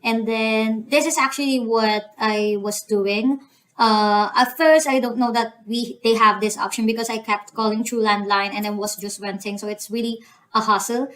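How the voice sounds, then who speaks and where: Here a young woman with a Filipino accent, from the Philippines, casually explains an online form step by step as the host of a screen-recorded tutorial. Her slightly high, fairly bright voice keeps a fairly even intonation at a moderate pace, broken by many hesitant "um"s and "you know"s. The recording is low quality.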